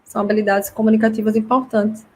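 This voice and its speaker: A woman's voice: on the high side, flat delivery, fast, darkish tone. Woman hosting a live class. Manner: chatty, explanatory, reads comments aloud. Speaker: host teaching parents. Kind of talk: live online class answering viewer comments.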